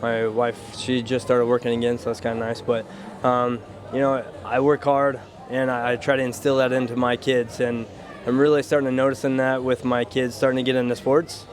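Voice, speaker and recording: A man's voice: medium pitch, level tone, moderate pace. A man who is a fighter, answering interview questions casually in a modest, matter-of-fact way. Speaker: professional MMA fighter.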